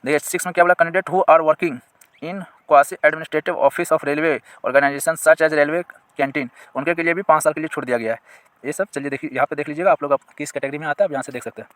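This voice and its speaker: Male exam-prep teacher, slightly high voice, dry close mic. Reads notice text slowly, then explains it to viewers. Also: fairly even intonation, a bit bright, dry recording. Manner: asks viewers questions and points them to sections on screen.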